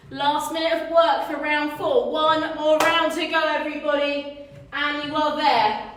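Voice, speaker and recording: Female HIIT instructor, heard at a distance in a reverberant room. Slow, measured delivery of counts and cues, pushing the class on. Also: high voice, fairly bright tone. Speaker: fitness instructor. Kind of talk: live-streamed HIIT workout coaching. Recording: echoey room, distant microphone.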